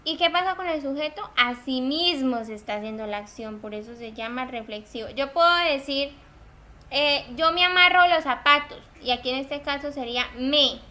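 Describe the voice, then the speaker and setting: Woman teacher, high and bright, patient with everyday examples. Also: moderate pace. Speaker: Spanish teacher. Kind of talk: classroom grammar lesson.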